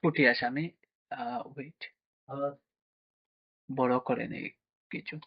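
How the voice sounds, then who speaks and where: A man's voice: mid-range voice, fairly even intonation, slow, husky, no room sound. Man teaching children maths at a board. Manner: asks questions and answers them himself, with frequent check-ins. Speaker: math teacher. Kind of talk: classroom lesson for children. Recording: dry, dull lo-fi sound.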